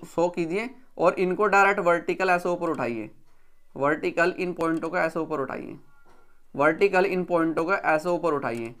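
A man's voice: fairly high pitch, a bit bright. A man teaching an engineering drawing lesson step by step. He repeats each instruction and asks his students questions, then answers them himself.

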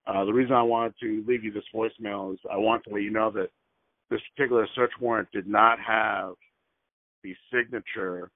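Low-voiced man heard over a landline phone. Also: no room sound. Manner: careful, repeats details and numbers slowly; hesitant, frequent fillers. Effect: heard over a landline phone line. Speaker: caller. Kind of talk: phone call and voicemail message. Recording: tinny, dry phone line.

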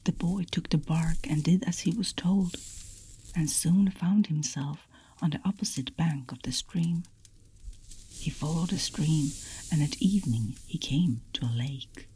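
A woman telling a bedtime folk tale as a whispered role-play, in a soft, unvoiced whisper. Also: deep voice, measured pace, a little hiss or hum, poor audio. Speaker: ASMR storyteller.

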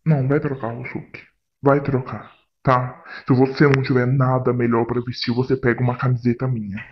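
Husky man, playful prank vlogger. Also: mid-range voice, little pitch movement, a little fast, lo-fi sound. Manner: playful, theatrical. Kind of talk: casual prank vlog.

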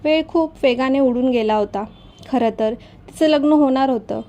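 A woman narrating a storybook tale in the first person with a steady, even reading. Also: high voice, moderate pace, muffled recording.

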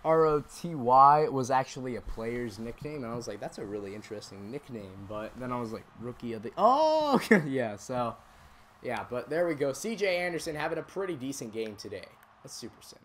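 A man streaming a football video game, calling plays and chatting with viewers, bursting into shouted calls on big moments. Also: medium pitch, fairly quick. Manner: chats with viewers between plays. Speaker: gaming streamer. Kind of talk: play-by-play game commentary.

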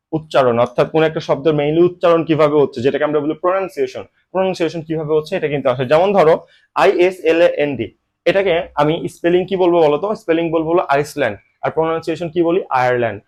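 A young man with a colloquial Bangladeshi Bengali accent, giving an online admission-coaching lecture in a brisk, teasing manner with rhetorical questions. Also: fairly high pitch, darkish tone.

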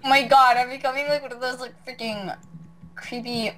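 A woman's voice: high voice, fairly even intonation, a little fast, fairly bright tone, a little hiss or hum. A woman chatting casually over a voice call while playing a game, giggly and rambling with lots of "like".

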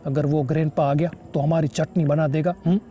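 Man, gaming commentary, let's play, excitable exclamations, slightly high voice, warm tone. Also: fairly quick, a little hiss or hum. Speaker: gaming YouTuber.

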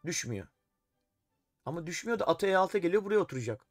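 A man's voice: sits high, sing-song, fast, no echo, faint music behind. A man streaming a live chess game, thinking aloud and talking to his chat, often exasperated. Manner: talks to himself and chat while playing, exasperated.

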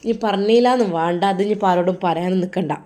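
A woman voicing a serious mother-in-law who delivers a measured warning on a phone call, with a Malappuram Malayalam accent, in an audio drama. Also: lowish voice, warm tone, pitched below the performer's own voice, close to an everyday voice. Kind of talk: audio drama role-play.

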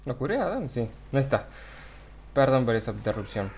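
A man, talking to himself while streaming a video game live from home, with loud outbursts and lots of swearing. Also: mid-range voice, big pitch swings, fairly quick, slight background noise. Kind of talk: live gameplay commentary. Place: home, alone.

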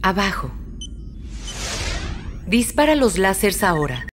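Measured, impersonal spaceship computer over music. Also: female voice, mid-range voice, very animated. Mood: impersonal, instructing. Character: female spaceship training computer, calm and officious. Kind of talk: scripted game instructions.

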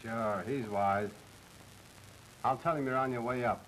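A man with a mid-range, fairly bright voice speaks unhurriedly, lightly acted, on a poor recording with slight background noise. He plays a smooth, obliging gangland fence, casually and easygoingly arranging deals over the phone in a businesslike mood.

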